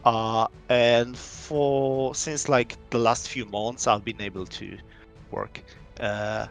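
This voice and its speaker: On a live stream, a young Polish man talks through his indie game in English, which isn't his first language, rambling with lots of fillers and restarts. His voice sits at an ordinary middle pitch for a man, slow and fairly even in intonation, with faint music playing softly behind him.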